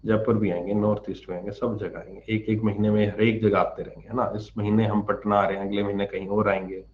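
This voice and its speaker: A man's voice: on the low side, level tone, fast, narrow, tinny audio, a little hiss or hum. A man teaching a live online class, answering viewers' questions in a chatty, joking way and explaining patiently.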